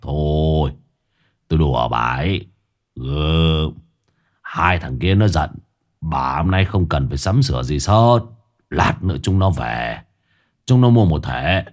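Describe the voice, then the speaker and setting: A man voicing an old village husband, slow, deliberate and moralizing. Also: very deep voice, expressive, voice pushed down, exaggerated voice. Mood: teasing.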